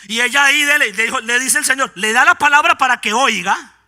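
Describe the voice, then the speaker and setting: A man delivers a fiery Pentecostal sermon in a church. His voice sits very high and sounds sharp and bright. He drops to quiet asides, then climbs into shouted preaching. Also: a little fast. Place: church sanctuary.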